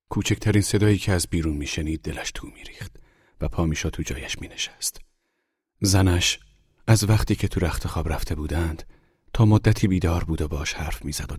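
Very deep, husky male narrator. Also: a little mellow, dry recording, clean studio sound. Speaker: audiobook narrator. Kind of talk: scripted literary narration.

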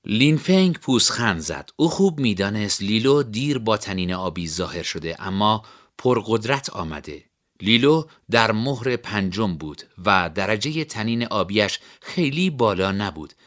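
A man reads a story aloud as its narrator. His pitch moves in a lively way, and his delivery is expressive. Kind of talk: storybook reading.

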